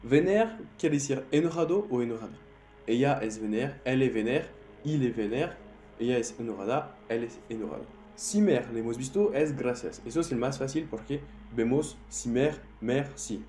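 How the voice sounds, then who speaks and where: A man's voice: medium pitch, animated, mellow. Man teaching slang in Spanish. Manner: non-native Spanish, repeats words slowly to drill them. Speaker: French teacher. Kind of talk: slang vocabulary lesson. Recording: roomy echo, faint music.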